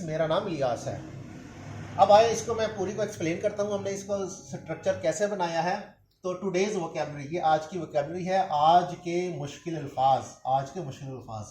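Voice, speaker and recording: A male language teacher giving a video lecture, patiently repeating words slowly so learners can drill them. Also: high-pitched, a little mellow, a little hiss or hum. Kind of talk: classroom-style video lecture. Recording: echoey room.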